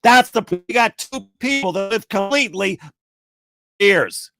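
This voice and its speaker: A man's voice: high voice, unhurried, creaky, no room sound. A middle-aged man telling a story in a casual rant to camera, acting out the people in it. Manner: animated storyteller, acts out quoted people, rants.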